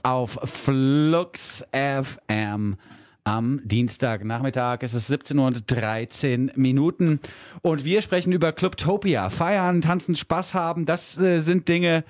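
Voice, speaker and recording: A man's voice: a little high, a little slow. Male radio host, conversational. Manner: relaxed conversational moderating. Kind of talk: radio interview. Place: radio studio.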